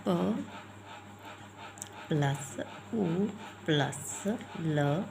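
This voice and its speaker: Slow-speaking woman teaching Hindi. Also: mid-range voice, gravelly. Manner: spells words out sound by sound and repeats them. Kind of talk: explaining letters and vowel signs.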